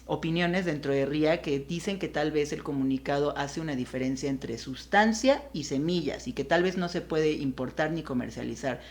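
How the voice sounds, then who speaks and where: A drug policy activist answering interview questions in an earnest, measured way, pausing often with fillers. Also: medium pitch.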